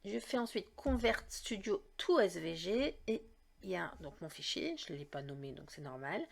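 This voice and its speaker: In a casual step-by-step craft tutorial, a woman with a fairly low, creaky voice chats her way through each click. She leans heavily on "donc" and "d'accord?".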